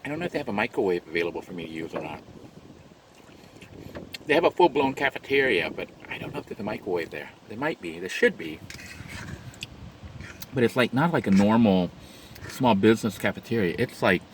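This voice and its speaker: A man's voice: lowish voice, animated, brisk, long pauses, a little hiss or hum, low-quality recording. A man vlogging from inside his parked van, chatting unhurriedly as he eats and describes his food in detail. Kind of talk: mukbang eating commentary.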